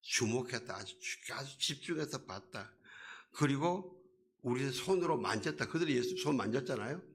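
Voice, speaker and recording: A man's voice: medium pitch, animated, normal speed, noisy background. A man preaching a sermon as a pastor, in a conversational way that asks the congregation questions and acts out quoted voices.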